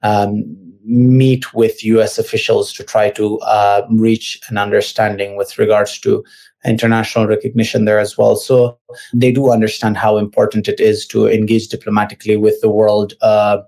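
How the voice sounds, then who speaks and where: Measured, hesitant man with a dark voice. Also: on the low side, little pitch movement. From Afghanistan. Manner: hesitant, many fillers and restarts. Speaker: guest analyst; university teacher. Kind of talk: interview answers.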